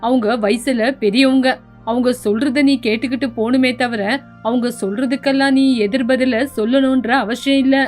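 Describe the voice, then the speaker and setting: A woman voicing a tired, stern young husband who lectures impatiently in an animated story. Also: fairly high pitch, moderate pace, soft background music, lightly acted. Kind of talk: storybook voice acting.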